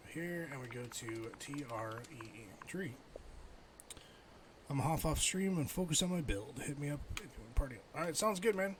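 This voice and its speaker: Chatting casually with his viewers, a middle-aged man streams a game live and thinks out loud. His voice sits fairly high with lively intonation and a moderate pace, over slight background noise.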